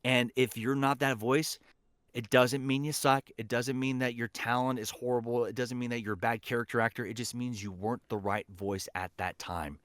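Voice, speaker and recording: A voice actor and teacher, interviewed on a podcast, delivers encouraging, emphatic advice in a conversational style, repeating key phrases. He speaks at a medium pitch and moderate pace with fairly even intonation and a slightly bright tone. The studio-quality recording has no echo.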